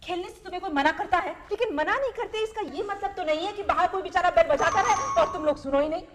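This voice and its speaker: A woman's voice: very high-pitched, fast talker. An actress playing a strict woman who scolds mischievous children in a 1990s TV sitcom, her voice emphatic. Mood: scolding. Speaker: mother figure in a sitcom. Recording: hissy old 1990s TV tape.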